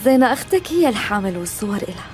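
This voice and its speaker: A woman's voice: medium pitch, sing-song, racing, natural voice. A woman with a Syrian accent acting a bold, confrontational young woman in a dubbed television drama. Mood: threatening, accusing. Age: young adult. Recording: dramatic background music under dialogue.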